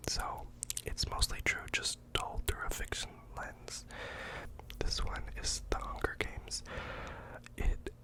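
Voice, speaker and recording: Whispered role-play, ASMR librarian, unvoiced whisper, deadpan, mock-earnest, hesitant asides. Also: slow. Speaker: ASMR performer playing a librarian recommending books.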